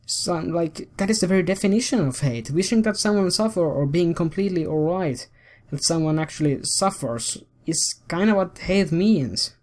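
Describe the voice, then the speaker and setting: A man's voice: sits high, animated, normal speed, hardly any pauses, darkish tone. A man hosting a commentary video, ranting in a heated, profane and rambling way.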